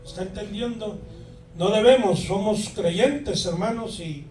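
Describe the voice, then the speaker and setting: Male pastor, very high voice, emphatic sermon, recorded far off in a roomy hall. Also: a little slow. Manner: animated, preaching with emphasis and asides. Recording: echoey room, far from the mic, music behind.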